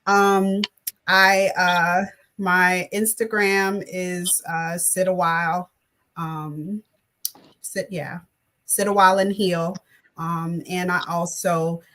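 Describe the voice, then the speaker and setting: A woman's voice: on the low side, a bit bright. A woman from Ghana, a panel guest who runs wellness retreats, speaking with many hesitant "um"s. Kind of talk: panel talk show discussion.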